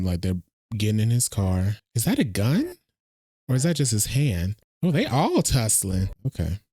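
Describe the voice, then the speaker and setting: A man hosting a casual trailer reaction, chatty and animated, thinking out loud as he watches. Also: sits low, dry recording, studio quality. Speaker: reaction video host.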